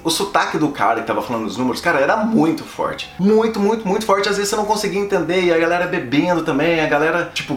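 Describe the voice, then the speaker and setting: A young Brazilian man with a Brazilian Portuguese accent, telling a story casually and acting out the dialogue in an animated way. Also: echoey room. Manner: animated, acts out dialogue with shifting pitch.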